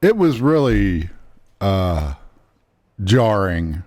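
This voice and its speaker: A man's voice: low-pitched, big pitch swings, a little mellow. A man co-hosting a podcast, chatting casually and rambling a little while he draws. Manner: slow, rambling, self-deprecating. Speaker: podcast co-host and artist. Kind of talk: casual chat while drawing.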